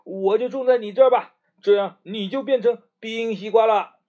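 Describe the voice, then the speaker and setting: A man voicing a small, eager ice melon plant in a children's story, higher and excited. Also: normal speed, lightly acted. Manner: higher, excited, whiny when hurt. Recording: muffled lo-fi recording.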